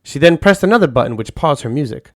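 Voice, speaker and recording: A man narrating a first-person audio story in a calm, soft-spoken way. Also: fairly high pitch, fast, no room sound, studio quality.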